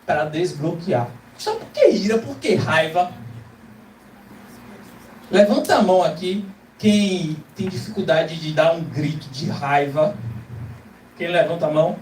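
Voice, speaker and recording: A man's voice: on the high side, expressive, measured pace, pauses often, a little mellow, slight background noise. A man with a Brazilian Portuguese accent preaching a motivational sermon to a live audience, emphatic and full of rhetorical questions. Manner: emphatic, rhetorical questions, acts out quoted voices. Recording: echoey hall, distant mic, faint ambience.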